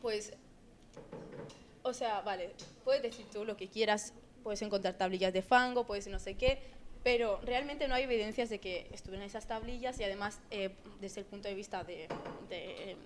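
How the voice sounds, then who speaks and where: A woman's voice: medium pitch, normal speed, slight background noise. A teenage girl, a student guest on a podcast, talking casually and rambling with lots of fillers. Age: teens. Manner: rambling, with many fillers like "en plan". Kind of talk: casual chat.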